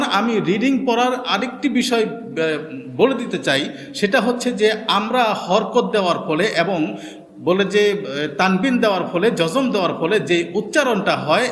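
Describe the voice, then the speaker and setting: A high-pitched man leads a recorded reading lesson, spelling out syllables one at a time and repeating each word slowly. His voice rings around an echoey room. The reverb hangs after every phrase. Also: fairly bright tone. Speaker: Quran reading teacher.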